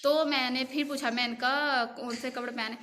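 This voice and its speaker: Emotional woman vlogger, bright voice. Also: high voice, steady tone, moderate pace, a little hiss or hum. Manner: emotional, rambling, repeats herself often. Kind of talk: casual vlog storytelling.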